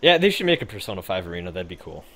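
A man's voice: sits low, very animated, racing, sharp tone. A young man co-hosting a gaming podcast, chatting casually in a rambling, laid-back way with frequent swearing and fillers. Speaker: podcast co-host.

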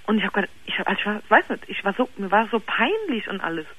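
A young woman in her twenties speaks on a telephone call to a late-night radio show. She talks haltingly, with frequent fillers and false starts. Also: mid-range voice, sing-song, a bit bright. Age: 20s. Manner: hesitant, halting, with many fillers and restarts. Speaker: caller.

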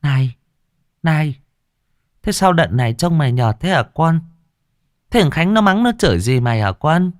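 A man's voice: on the high side, big pitch swings, a little slow, no room sound, studio quality, voice pushed up. Fussy, worried mother-in-law for a horror audio story, slightly raised voice, voiced by a man narrator. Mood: fussing. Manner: fussing, scolding. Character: concerned middle-aged mother-in-law.

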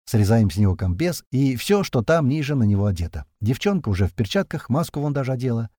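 A man narrates a first-person battle story in rough, slangy prose. His reading moves a lot in pitch, and his voice is warm and a little husky. The recording is close and dry. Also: very animated, no room sound. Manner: slangy, swearing, fast-moving action telling. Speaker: audiobook narrator.

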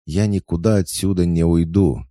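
A man's voice: sits low, fairly even intonation, moderate pace, mellow, no room sound, studio quality, pitched above the performer's own voice, natural voice. A man voicing a timid but stubborn young girl who stammers and talks shrilly. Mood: defiant.

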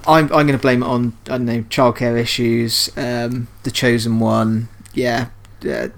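A man's voice: mid-range voice, measured pace. A man co-hosting a podcast, dry and agreeable, often stumbling into restarts. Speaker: podcast co-host. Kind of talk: casual chat.

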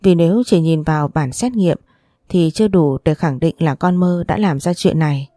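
A woman reading the part of a polite, measured middle-aged father in an audiobook. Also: low-pitched, mellow, dry recording, studio quality, natural voice. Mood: calm. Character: middle-aged father, calm and respectful son.

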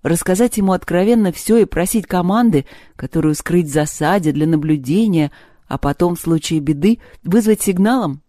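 Low, dark-voiced woman reading a story. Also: moderate pace, no room sound, studio quality. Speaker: audiobook reader. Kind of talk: scripted literary narration.

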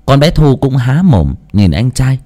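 A man narrating a ghost story in a slow, ominous, dramatic style. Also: medium pitch, sing-song, warm tone. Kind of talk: scripted horror narration.

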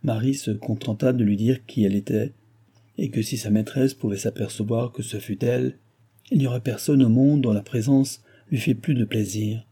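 Dark, husky-voiced male narrator. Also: medium pitch, normal speed. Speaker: audiobook narrator. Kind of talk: scripted narration of a classic novel.

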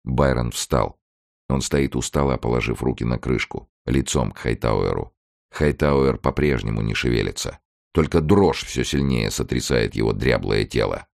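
A man narrating a literary audiobook in a measured, even reading. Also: extremely low pitch, gravelly. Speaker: audiobook reader.

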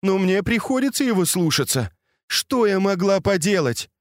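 A man's voice: high-pitched, animated, moderate pace, voice pushed up. A man voicing a meek, tearful noble wife. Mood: pleading. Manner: pleading, defensive.

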